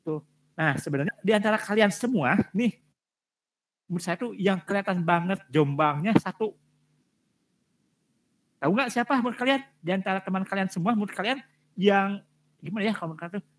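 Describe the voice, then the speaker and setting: Male lecturer, brisk delivery, blunt classroom feedback with repeated emphasis. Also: high voice, lively intonation, fairly bright tone. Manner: direct, repetitive emphasis with frequent fillers. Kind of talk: giving feedback on student presentations.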